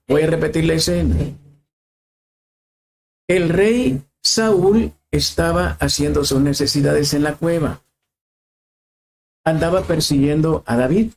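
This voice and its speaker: A man's voice: fairly high pitch, slight background noise. A man preaching a sermon, asking questions and repeating phrases for emphasis.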